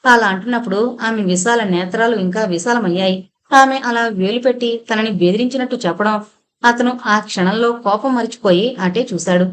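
A woman narrating a novel for an audiobook, in a steady storytelling delivery. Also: a little high, normal speed. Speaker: audiobook reader.

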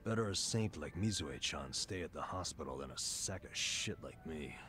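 A man's voice: extremely low pitch, animated, moderate pace, sharp tone, slight background noise, full character voice. An actor playing a weary, self-loathing middle-aged man in a dramatic video game scene. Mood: bitter, self-loathing.

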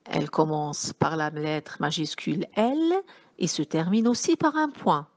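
A woman's voice: deep voice, very animated. A woman teacher giving a phonics lesson to young children, sounding out words syllable by syllable. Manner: slow, syllable-by-syllable dictation, addressing pupils warmly as children.

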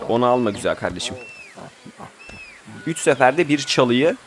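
A young man at medium pitch chats casually through a survival game Let's Play, bossing his group around and breaking into sudden outbursts. Slight background noise is present.

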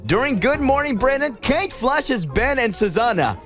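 A man's voice: extremely high pitch, sing-song, normal speed, fairly bright tone. A man reading upbeat scripted narration for a video of clips. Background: clear music.

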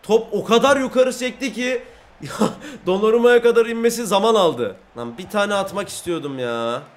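Young male gaming creator, high-pitched, swings between loud excitement and frustrated muttering while playing. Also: normal speed. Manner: excitable, yells at goals and mistakes; frustrated grumbling at the game. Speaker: gaming YouTuber. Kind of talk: gameplay commentary.

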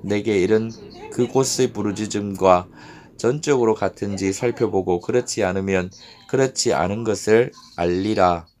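A man voicing God as a solemn, authoritative male deity who speaks in grave, measured pronouncements, in a scripture reading. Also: lowish voice, a little mellow, natural voice.

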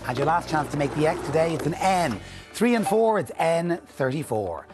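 A man's voice: fairly high pitch, very animated, normal speed. Music plays behind a man in his forties calling bingo as a television presenter. His delivery is rhythmic and repetitive, announcing each number in the set pattern of a studio bingo caller. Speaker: bingo caller and TV game show host. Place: indoor TV studio. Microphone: lapel mic.

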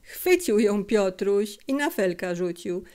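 A woman reads a classic short story aloud with slow, careful phrasing. Her voice sits at a middle pitch and stays measured throughout. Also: big pitch swings, a little mellow, clean tone. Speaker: audiobook reader. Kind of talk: literary audiobook narration.

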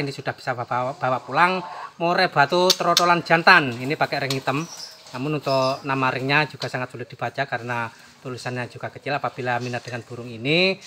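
Bright-voiced man selling birds outdoors. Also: medium pitch, slight background noise. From Indonesia. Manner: chatty, repeats set phrases. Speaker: bird seller. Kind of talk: casual sales vlog. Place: outdoors at a bird shop.

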